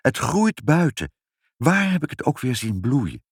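A man voicing a brisk, sensible mother in a read-aloud storybook, talking in a matter-of-fact way. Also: mid-range voice, very animated, husky, no room sound, studio quality, voice pushed up, full character voice. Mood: explaining.

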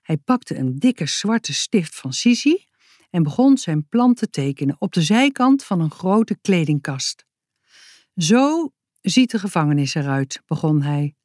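A woman narrating a children's audiobook in a calm, measured storytelling manner, close to the mic. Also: on the low side, no room sound.

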